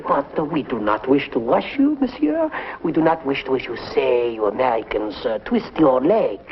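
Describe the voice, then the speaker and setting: A man's voice: mid-range voice, sing-song, moderate pace, a little hiss or hum, close to an everyday voice. A man playing a courteous middle-aged French author, speaking English with a French accent in a 1950s sitcom. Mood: gracious. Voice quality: polite, gracious, accented English. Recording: dull 1950s TV soundtrack with music.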